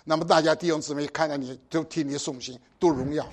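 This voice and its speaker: High-voiced older preacher, exhorting. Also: male voice, fairly even intonation, fast talker. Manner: exhorting, with pointed rhetorical questions. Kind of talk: sermon.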